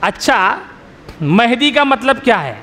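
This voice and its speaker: Middle-aged maulana guy, pretty high voice, teaching a workshop and keeps asking the crowd questions. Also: sing-song, takes it slowly, sharp tone, long reverb tail, a little hiss or hum. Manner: quizzes the audience with repeated questions; storytelling with everyday examples. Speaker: Islamic scholar, maulana. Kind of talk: religious workshop lecture to a live audience.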